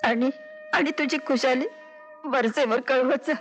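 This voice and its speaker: An actress playing a gentle, loving mother in an old film. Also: high-pitched, measured pace, soft background music. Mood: tearful. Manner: gentle, emotional, tearful at parting. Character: loving middle-aged mother, tender and kindly.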